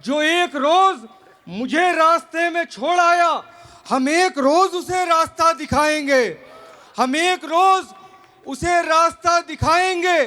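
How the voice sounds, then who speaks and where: Man, high-pitched, loud emphatic recitation, slow delivery. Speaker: audience poet. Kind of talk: declaiming poetry with slow drawn-out lines.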